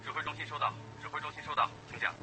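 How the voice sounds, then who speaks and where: A man playing a command center dispatcher who answers over a two-way radio in crisp, clipped radio procedure. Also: on the high side, flat delivery, rapid-fire, noisy background. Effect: heard over a two-way radio.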